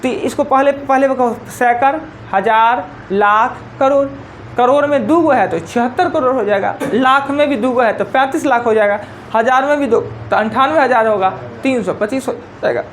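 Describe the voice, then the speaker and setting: A woman teacher with a Bihari Hindi accent lectures a live class in a fairly high voice. She counts digits aloud one by one and repeats each rule as she goes. A faint room hum sits behind her. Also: normal speed. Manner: explains step by step, counting digits aloud and repeating key points.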